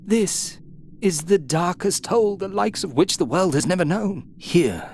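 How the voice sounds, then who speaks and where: A woman voicing a sly demonic talking staff in a fantasy video game, theatrical and mock-servile, with a gravelly creak. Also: lowish voice, animated, a little slow, darkish tone, slight background noise. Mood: gloomy, theatrical. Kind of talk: video game character acting. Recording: game ambience behind the voice.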